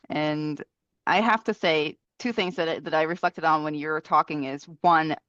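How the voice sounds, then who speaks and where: A woman's voice: on the low side, dry recording. Woman host chatting, laughs a lot, pretty dry and kinda muffled. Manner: laughs often, animated when retelling stories. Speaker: podcast host. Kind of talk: casual chat.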